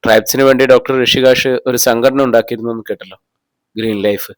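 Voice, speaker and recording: A man's voice: mid-range voice, level tone, fast talker, no room sound, close to an everyday voice. A man reading the lines of a persistent police officer interrogating a suspect with pointed questions. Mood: probing. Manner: probing, pressing questions.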